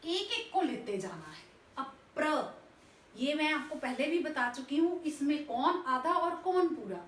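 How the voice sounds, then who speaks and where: A woman teacher slowly and patiently spelling out words sound by sound, asking and answering her own questions. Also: high-pitched, sing-song, a bit bright, recorded from a distance. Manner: slow, patient, spells out each sound step by step. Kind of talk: classroom lesson explaining spelling. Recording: echoey room, voice off-mic, faint background noise.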